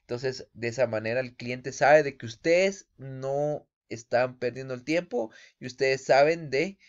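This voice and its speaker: A man at a middle pitch gives an informal lesson, speaking directly to his students and often stopping to check that they follow. He hesitates on small fillers as he goes. The recording sounds a little dull and lo-fi. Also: a little slow, smooth. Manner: addresses listeners directly, frequent "¿sí?" check-ins and hesitant "eh" fillers. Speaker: instructor. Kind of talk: casual spoken lesson.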